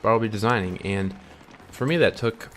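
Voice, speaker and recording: Deep-voiced young man musing earnestly. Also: moderate pace, fairly bright tone, soft background music. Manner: rambling, many ums and restarts, earnest; chewing candy while talking. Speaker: vlogger. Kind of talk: casual reflective monologue.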